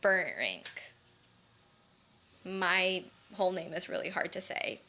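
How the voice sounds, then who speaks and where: A woman's voice: lowish voice, level tone, normal speed, pushed and bright. A young woman book vlogger chatting casually to her viewers, bubbly and self-teasing.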